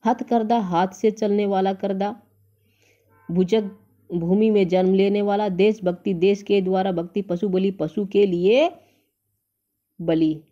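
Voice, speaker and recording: A woman's voice: mid-range voice, steady tone, a little slow, long pauses, mellow, dull audio. A woman teacher going through exam answers, reading each option aloud and then saying whether it is right or wrong. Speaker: Hindi teacher. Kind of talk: exam answer-key walkthrough.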